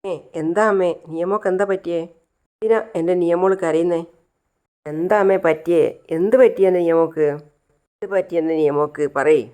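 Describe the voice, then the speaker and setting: A woman's voice: on the low side, normal speed, pauses often, warm tone, clear, resonant tone, lightly acted. A woman voicing a worried young father pressing for answers. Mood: anxious. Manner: anxious, pressing questions.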